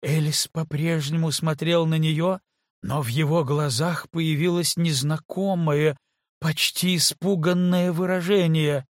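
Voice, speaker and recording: A man reading an audiobook in measured scripted narration. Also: on the high side, steady tone, no room sound, studio quality.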